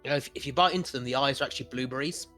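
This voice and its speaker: Casting: male tabletop gamer, fast casual delivery, music behind. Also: medium pitch, sharp tone. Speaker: player in a tabletop role-playing game. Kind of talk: casual in-character banter.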